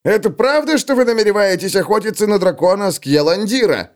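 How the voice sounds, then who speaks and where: A man puts on a brash young dwarf warrior who booms every line in a raised, loud voice. He is boastful and quick to take offence, and his delivery swings all over the place. An audiobook character voice. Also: animated.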